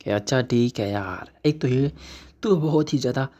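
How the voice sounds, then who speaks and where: A man's voice: mid-range voice, normal speed, dark tone. A man narrating a story recap casually, with chatty asides to viewers.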